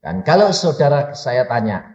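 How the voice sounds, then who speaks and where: A middle-aged man with a Javanese accent preaching a sermon, firing rhetorical questions at the congregation and breaking into sudden shouts. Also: mid-range voice, very animated, moderate pace, muffled recording. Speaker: pastor.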